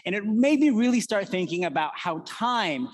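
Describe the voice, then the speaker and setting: Man in his forties, high-pitched, earnest conference keynote speaker telling personal stories. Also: sing-song, normal speed. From United States. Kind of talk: prepared keynote talk.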